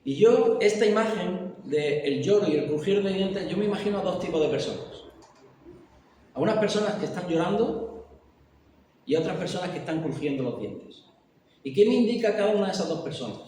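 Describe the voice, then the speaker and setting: A man's voice: high-pitched, a little fast. Man teaching in echoey hall. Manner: animated, acts out voices of the lost. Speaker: Bible study teacher. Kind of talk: church Bible study teaching. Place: church hall. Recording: echoey hall from far off, faint hiss.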